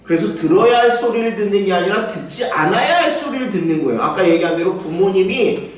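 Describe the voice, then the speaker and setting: A man preaching a sermon as pastor, animated and acting out the voices he quotes. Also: sits high, fairly quick. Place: church sanctuary. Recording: echoey church hall, mic at a distance.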